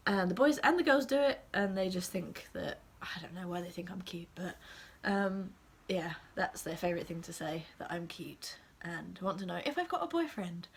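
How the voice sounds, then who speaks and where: A young woman with an English accent, sick with a cold, chatting casually to camera with many ums and soft half-whispered asides. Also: fairly low pitch. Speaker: assistant language teacher and vlogger.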